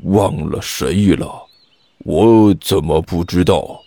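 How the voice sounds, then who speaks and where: A man's voice: low-pitched, warm tone, dry recording, voice pushed down, heavily acted. A man doing a lazy, sly old immortal. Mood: drawling, coy. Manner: drawling, slow, evasive, fake-innocent. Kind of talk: audiobook character voicing.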